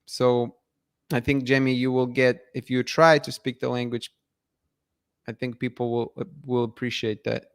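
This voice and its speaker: On a casual live stream, a Russian host reads viewer comments and replies, frequently restarting and laughing. His medium-pitched voice is smooth and level at a normal speed, recorded without echo in studio quality.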